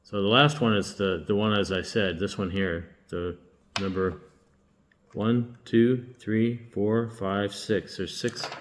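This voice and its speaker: A man with a fairly low voice walks through a hands-on locksmith demo. He talks in a relaxed, halting way, pausing and restarting as he works with his hands. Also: slight background noise. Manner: relaxed, halting, thinks aloud while working. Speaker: locksmith demonstrating key making. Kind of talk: casual hands-on demonstration.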